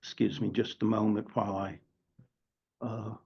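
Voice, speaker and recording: A man in his seventies teaching a class, often pausing and filling gaps with "uh" and "um". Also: fairly low pitch, little pitch movement, creaky, breathy edge. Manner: halting, many filler sounds. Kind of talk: lecture to a class. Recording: dull lo-fi recording.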